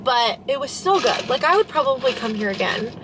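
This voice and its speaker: A woman's voice: high-pitched, animated, a little fast, background noise. A young woman in her twenties vlogging casually, chatty and upbeat as she rates coffee drinks. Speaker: vlogger reviewing coffee shops. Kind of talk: casual vlog. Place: car and cafes. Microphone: handheld camera or phone close up. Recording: music playing underneath.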